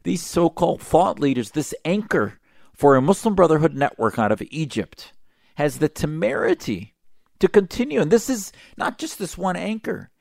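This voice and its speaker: A man's voice: fairly high pitch, sing-song, moderate pace, gravelly, a little mellow, no room sound, studio quality. A man hosting a talk radio show, delivering impassioned, emphatic commentary with a sarcastic edge.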